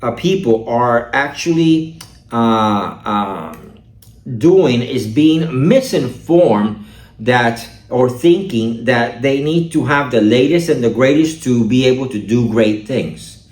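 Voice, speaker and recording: A man's voice: mid-range voice, lively intonation, slow, a little mellow, roomy sound. A man vlogging about his camera gear in a casual, chatty way, often asking "all right?", recorded on a camera-mounted shotgun mic. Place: outdoors or a room, filmed by his wife.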